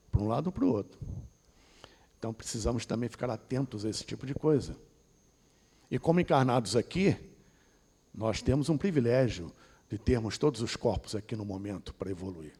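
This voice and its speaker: A man's voice: medium pitch, warm tone, husky. A man with a Brazilian accent giving a discursive esoteric lecture and often ending points with a tag question. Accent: Brazilian Portuguese.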